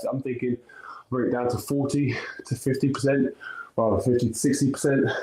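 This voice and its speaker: A man in the middle of a workout talks through his sets in a loose, unscripted way, breathing hard and dropping the odd swear word. His voice sits at an ordinary middle pitch. The room around him rings with echo, like a large gym hall. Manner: breathless, swearing, thinking aloud between sets. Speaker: personal trainer and coach. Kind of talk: casual workout walkthrough livestream.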